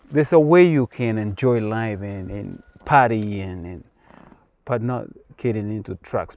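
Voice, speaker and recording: Outdoors in rural Kenya, a Kenyan man with an American-sounding English accent gives a casual interview. He talks earnestly and often repeats words, his mid-range voice recorded with the highs cut off.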